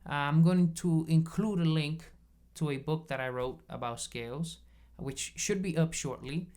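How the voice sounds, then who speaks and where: A man teaching bass guitar in a casual video lesson, explaining patiently step by step and checking in often. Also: measured pace, darkish tone. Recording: bass guitar playing between phrases.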